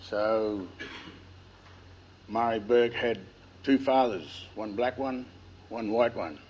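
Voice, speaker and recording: A man with an Australian accent and a lisp tells family history informally to listeners, nervous and halting, with a dry mouth. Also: fairly low pitch, darkish tone, slight background noise. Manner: nervous, halting delivery with long pauses. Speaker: speaker telling family history. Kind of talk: informal public speech, oral storytelling.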